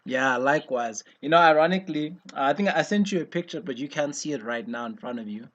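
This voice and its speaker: A man's voice: fairly high pitch, lively intonation, a little fast, fairly bright tone, highs cut off. Male chat-show host from South Africa, casual video-call chat, rambling delivery full of fillers. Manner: rambling, many fillers and restarts.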